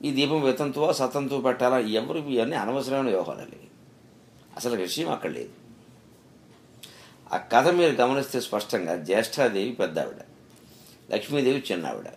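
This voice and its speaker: Brief: middle-aged man, spiritual discourse, animated storytelling with rhetorical questions. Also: mid-range voice, normal speed, pauses often. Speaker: spiritual speaker.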